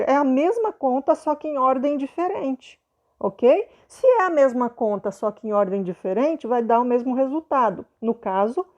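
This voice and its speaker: A Brazilian Portuguese-speaking woman with a high, darkish voice teaches a primary school lesson in an explanatory video, and the audio sounds dull. She's patient, repeats points, and checks in with her pupils often using "né?" and "ok?".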